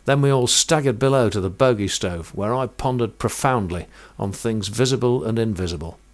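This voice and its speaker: Man telling a vivid sea tale. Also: fairly low pitch. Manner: vivid, measured storytelling with sailing jargon. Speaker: narrator. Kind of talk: first-person sea-story narration.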